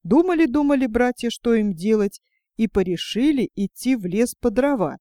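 A woman reading a folk fairy tale aloud in a steady storybook manner. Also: on the high side, moderate pace, no room sound, clean studio sound.

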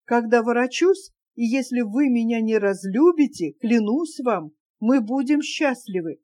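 A woman's voice: a little high, expressive, unhurried, dark tone. A woman reading a grown man's earnest, solemn promises in a novel. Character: grown man, tender earnest suitor.

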